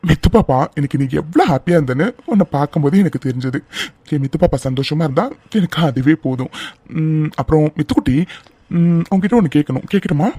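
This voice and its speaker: A voice actor playing a calm, reassuring young husband in a cartoon drama. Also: medium pitch, quick pace, breathy edge, no room sound, lightly acted.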